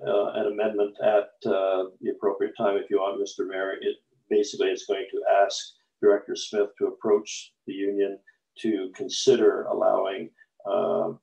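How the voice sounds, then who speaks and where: On an echoey, distant, lo-fi council video call, a male city councillor keeps restarting and using fillers as he asks his questions. His voice is low, gravelly and mellow.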